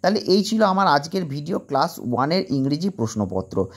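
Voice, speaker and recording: Guy teacher going over an exam paper w little kids, slightly high voice, a bit husky, spells stuff out slow. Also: very animated. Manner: patient, spells words letter by letter and translates them. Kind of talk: explaining an exam paper to young children.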